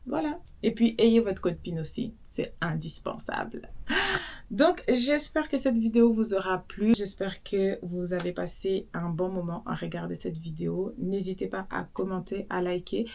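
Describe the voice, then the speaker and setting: Young woman, social worker type, chatty vlog advice, lively asides to the viewer. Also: medium pitch, normal speed, vocal fry. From Belgium.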